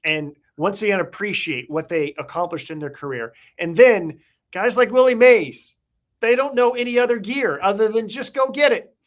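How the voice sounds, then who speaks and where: A middle-aged man talks at an easy conversational pace, looking back on old memories. His voice sits a little high for a man. He tells his stories casually and reflectively, with long anecdotes. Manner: reflective, nostalgic, drawn-out anecdotes. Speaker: podcast co-host, former baseball beat writer.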